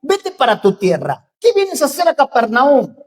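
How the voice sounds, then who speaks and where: A man with a Mexican accent voicing a hostile, taunting male demon, shouting his taunts in a shrill voice. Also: wildly swooping pitch, moderate pace, exaggerated voice. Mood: shrieking taunts.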